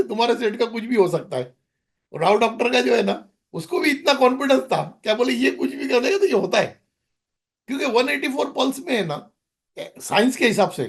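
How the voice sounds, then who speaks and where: A man's voice: very high voice, creaky. A middle-aged man, a podcast guest, telling a rambling story in casual conversation, with many restarts.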